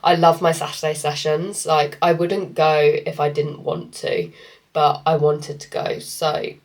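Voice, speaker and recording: Her voice is low-pitched and darkish, with little pitch movement and a measured pace. She's a fitness coach vlogging casually to camera, congested from a cold and rambling with many fillers.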